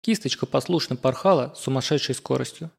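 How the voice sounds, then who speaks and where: Male narrator, steady measured scripted audiobook reading at mid pitch. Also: gravelly, slightly rough.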